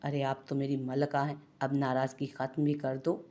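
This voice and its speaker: Woman voicing a teasing young husband, low voice, mock-innocent, Urdu accent. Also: monotone, normal speed, mellow.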